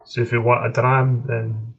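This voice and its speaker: A Scottish man chatting casually on a live stream, answering viewers in a halting way with frequent ums and restarts. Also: mid-range voice, flat delivery. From Scotland. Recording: dull lo-fi stream audio.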